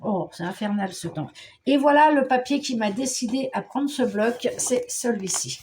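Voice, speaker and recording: A woman's voice: a little high, moderate pace, darkish tone, slight background noise. Chatty middle-aged woman from Paris. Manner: chatty, hesitant, many fillers and restarts. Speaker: scrapbooking vlogger. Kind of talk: casual show-and-tell chat.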